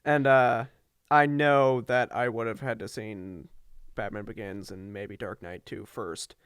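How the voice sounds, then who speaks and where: A young man co-hosting a casual podcast chat at home, rambling and hesitant, filling pauses with likes and ums. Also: lowish voice, fairly even intonation, a bit bright, clear, resonant tone, no room sound, studio quality. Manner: rambling, hesitant, lots of fillers. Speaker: podcast co-host.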